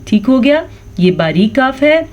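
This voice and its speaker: A woman's voice: high voice, big pitch swings, a little mellow, a little hiss or hum. Patient woman teaching Quran recitation. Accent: Pakistani Urdu. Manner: patient, explains then drawls out words slowly. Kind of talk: tajweed lesson with slow recited examples.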